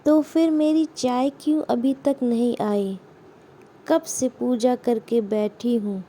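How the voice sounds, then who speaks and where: A woman voicing a nagging, sharp-tongued elderly mother-in-law who scolds and complains. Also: a little high, fairly even intonation, slow. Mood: scolding.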